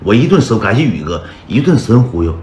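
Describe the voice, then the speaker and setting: A man's voice: lowish voice, big pitch swings, a little fast. A man with a Northeastern Mandarin accent telling his own story on a livestream. He talks in a chatty way and keeps calling out to the viewers as brothers. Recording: roomy echo with loud background music.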